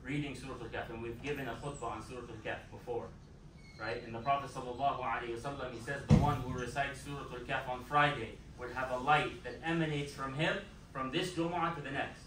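A man's voice: medium pitch, steady tone, fast, noisy background. A man giving a Friday sermon as imam in a mosque, emphatic and repeating his key phrases. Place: mosque prayer hall. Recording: echoey hall, mic far off.

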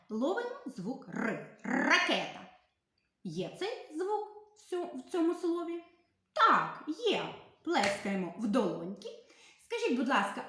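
A woman teacher giving a literacy lesson to young children, spelling out sounds slowly and asking questions she then answers herself. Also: high-pitched, fairly bright tone, heavy reverb. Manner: slow, sing-song, carefully spelled-out sounds.

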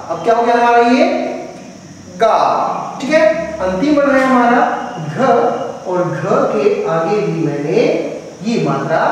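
A high-voiced male teacher talks slowly and patiently through a lesson for young children. He keeps putting questions to the class and answering them himself. His voice comes from a distance and rings in an echoey room with a long reverb. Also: a little hiss or hum. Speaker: primary school teacher.

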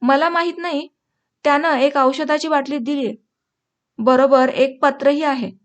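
A woman's voice: sits high, steady tone, a little slow. A woman voicing a male house servant who reports plainly in a slightly raised voice. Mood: matter-of-fact.

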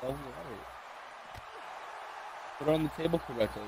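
A man co-hosting a casual let's-play, calling out moves in a relaxed way. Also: fairly high pitch, normal speed, creaky, a loud crowd. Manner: laid-back, calls moves, laughs often. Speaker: gaming co-host. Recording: noisy game-audio background.

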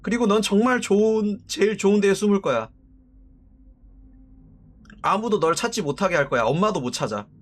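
A man voicing a sinister unseen male tempter who coaxes a child in a low, slow, menacing tone while reading horror game subtitles. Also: close to an everyday voice. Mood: coaxing, sinister.

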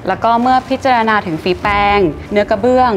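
A woman in her thirties presenting auction highlights in a polite, informative scripted manner, recorded in a gallery showroom with glass display cases. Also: fast talker, a little hiss or hum. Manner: polite, informative, frequent soft sentence-final particles. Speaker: auction specialist. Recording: clear music bed behind voice.

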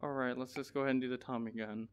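A man's voice: mid-range voice, racing, faint music behind. A man giving casual, profane commentary to himself while playing a shooter game. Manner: profane, excitable, talks to himself.

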